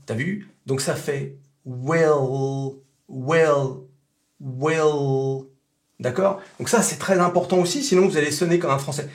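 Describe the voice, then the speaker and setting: French-native male tutor, a touch high-pitched, relaxed lesson delivery, drills sounds by repetition. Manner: demonstrates sounds slowly and repeats them. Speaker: English pronunciation teacher. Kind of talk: casual spoken lesson.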